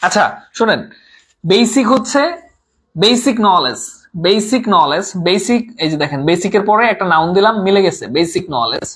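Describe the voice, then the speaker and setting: A man's voice: high voice, animated, moderate pace, a bit bright, slightly rough. A man teaching a live online class, repeating terms, asking and answering his own questions, and mixing English words into his talk. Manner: reads out viewer comments.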